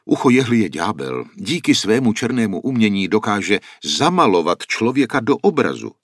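A grave, worried old painter who explains the danger in solemn tones, as a male narrator plays him. His low voice moves over a lively range, recorded dry and close. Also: dry recording.

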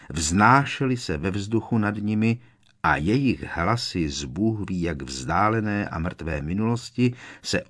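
A man narrating an audiobook in steady scripted storytelling. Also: low-pitched.

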